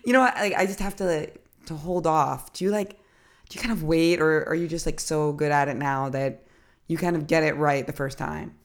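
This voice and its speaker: A woman hosting a podcast, husky from a cold, asking questions in a joking, casual way. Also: deep voice, moderate pace. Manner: joking, asks questions, laughs at own jokes. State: sick with a cold, voice gone husky. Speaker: podcast host.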